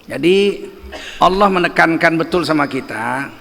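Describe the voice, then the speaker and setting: A man's voice: fairly high pitch, lively intonation, unhurried, creaky, fairly bright tone, long reverb tail, slight background noise. A middle-aged man preaching a religious lecture in a mosque, emphatic and full of rhetorical questions to the audience. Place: mosque hall.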